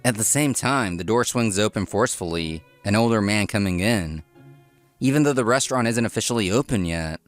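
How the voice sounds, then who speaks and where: A man's voice: lowish voice, expressive, fairly quick, faint music behind. A man reading scripted first-person narration with acted dialogue as a dry restaurant owner in a comic dub. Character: dry, workaholic young male restaurant owner.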